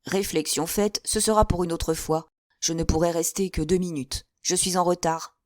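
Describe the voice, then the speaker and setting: A woman voicing a stern, authoritative gentleman who speaks firmly and briefly. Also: on the low side, steady tone, moderate pace, dry recording, studio quality, lightly acted. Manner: firm and clipped.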